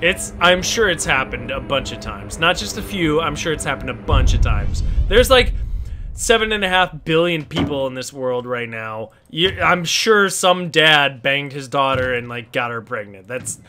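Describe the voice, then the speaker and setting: With music playing behind him, a young streamer commentates on a horror game while drunk, cursing freely and reciting its notes in a put-on official tone. His voice is fairly high and expressive, at a moderate pace.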